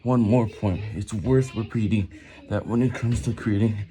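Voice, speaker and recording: A man reading a book aloud while doing push-ups, sounding effortful and halting, stumbling over words and repeating them. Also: fairly low pitch, fairly even intonation, warm tone, faint music behind. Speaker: amateur vlogger reading aloud.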